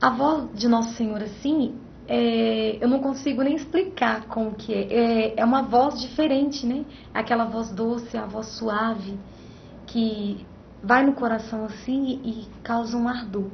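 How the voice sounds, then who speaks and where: A woman's voice: fairly high pitch, a little slow, vocal fry, a little hiss or hum. A woman giving a religious testimony on a TV interview show, telling her story emphatically and often adding little tag questions. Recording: muffled broadcast sound with music underneath.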